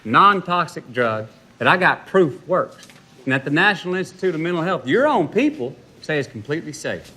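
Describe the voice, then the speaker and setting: A man's voice: a little high, very animated, normal speed, sharp tone, a little hiss or hum. An actor playing an angry man aggressively confronting an official. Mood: confrontational. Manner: aggressive, needling.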